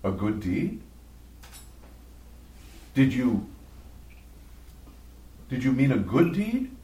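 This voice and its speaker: A man's voice: medium pitch, big pitch swings, drawn-out words, warm tone. A man voicing a mean, bitter old village woman who snaps at people and stammers when questioned. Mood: flustered. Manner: snappish, then flustered. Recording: echoey church from far off.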